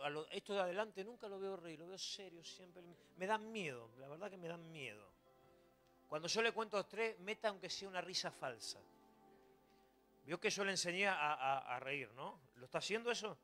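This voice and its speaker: A man with a Rioplatense accent preaching a sermon to a church congregation, moving between quiet asides and shouted exhortation, joking and coaxing the listeners. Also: high voice, lively intonation, normal speed, soft background music. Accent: Rioplatense Spanish. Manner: jokes and coaxes the congregation. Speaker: pastor.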